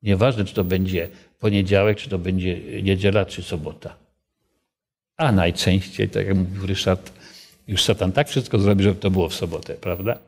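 A man's voice: low-pitched, steady tone, moderate pace. A man leading a group Bible study, asking the others questions and telling a story from his own life. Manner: conversational, asks the group questions, tells personal stories.

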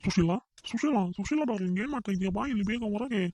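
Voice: medium pitch, expressive, very fast, a little mellow, no room sound. A performer voicing a greedy, lazy village man, wheedling in a cartoon. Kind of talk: cartoon voice acting.

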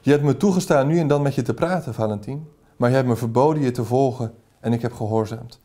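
A devoted young man pleading his love, read by a man from a novel. The speech is earnest and passionate, delivered in a dark, mellow voice at an ordinary middle pitch. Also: quick pace, natural voice. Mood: ardent.

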